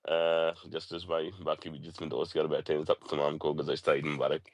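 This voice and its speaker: A man's voice: extremely low pitch, level tone, a little fast, no room sound. A man with a sore throat debating cricket in a casual audio chat, mixing in English phrases and lecturing a little. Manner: mixes English phrases into his talk, lecturing tone. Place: lives in Europe.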